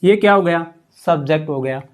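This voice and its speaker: A male teacher walks through an English grammar lesson at an even, patient pace. He keeps quizzing his listeners with rhetorical questions, and his sentences tend to sink lower and quieter at the ends. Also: a little fast. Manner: patient, keeps asking the class rhetorical questions and saying "ठीक है". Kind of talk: explanatory classroom lesson.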